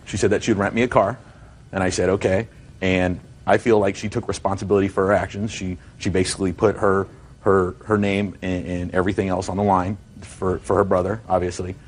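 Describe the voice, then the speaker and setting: Very deep-voiced, fast-talking defensive man. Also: flat delivery, a little hiss or hum. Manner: rambling, repetitive, defensive. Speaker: defendant in a TV small-claims court. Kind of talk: spontaneous courtroom testimony. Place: TV courtroom studio.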